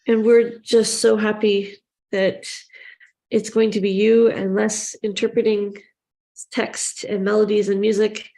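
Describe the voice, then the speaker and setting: A woman's voice: medium pitch, little pitch movement, a little slow, mellow. A woman interviewing a guest in a casual, upbeat and enthusiastic way.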